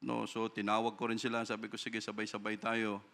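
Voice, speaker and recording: Male pastor from the Philippines, bright and crisp voice, animated sermon testimony rising into fervent prayer. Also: on the low side, brisk. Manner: storytelling with frequent tag questions.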